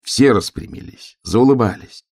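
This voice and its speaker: A man narrating a children's story in a slow, gentle storytelling manner. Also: medium pitch, expressive, creaky.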